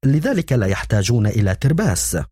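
A man voicing a cautious boy who leads a gang of thieves, speaking low and tense; an audiobook reading. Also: very animated, quick pace, mellow, breathy edge, no room sound, clean studio sound. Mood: muttering. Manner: whispering, tense.

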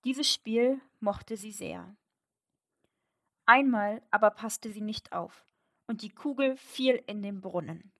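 A woman reads a fairy tale aloud, clear and expressive. She takes her time over every line at a very slow, measured pace. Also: medium pitch. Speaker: narrator. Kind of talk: slow storybook reading.

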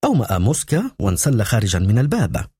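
A man narrating a novel in a steady storytelling manner for an audiobook. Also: fairly low pitch, quick pace, husky, no echo, clean studio sound. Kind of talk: scripted narration.

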